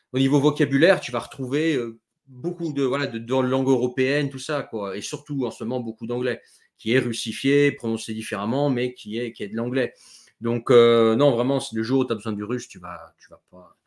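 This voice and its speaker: A man in an easygoing chat on a video call, with a middle-pitched voice. He talks in an animated, chatty way, full of fillers and quick asides. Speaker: host. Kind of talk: casual chat.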